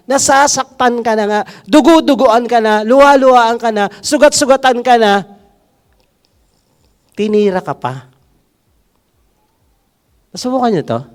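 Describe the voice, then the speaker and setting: A man preaching a sermon, mixing English into his talk and asking the congregation rhetorical questions, swinging from loud to hushed. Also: very high voice. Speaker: pastor.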